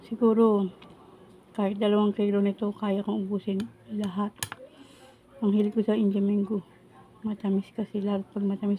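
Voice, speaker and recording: The audio is narrow and tinny as a Filipino food vlogger, whose speech suggests missing upper front teeth, chats informally with viewers in a medium-pitched voice while she prepares and eats. Chickens and roosters crowing make for a noisy home recording.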